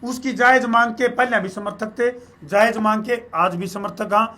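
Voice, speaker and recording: A man with a Haryanvi accent speaks in a high voice. His tone is bright and forceful. He talks with folksy earnestness, as a local journalist pleading his case in an interview. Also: fairly even intonation, moderate pace. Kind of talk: earnest public appeal in casual interview.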